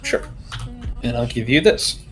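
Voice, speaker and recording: A man's voice: mid-range voice, wildly swooping pitch, measured pace, fairly bright tone, soft background music. A man running a tabletop role-play game, narrating and speaking as a wry shop owner. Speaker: game master.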